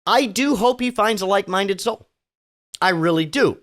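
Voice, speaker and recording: A male podcast host tears through the week's news with sarcasm and casual profanity. He trips over himself, restarts sentences and lets his voice swing widely in pitch as he mocks each story. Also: animated, normal speed, fairly bright tone. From Virginia. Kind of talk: sardonic news commentary podcast. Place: home studio.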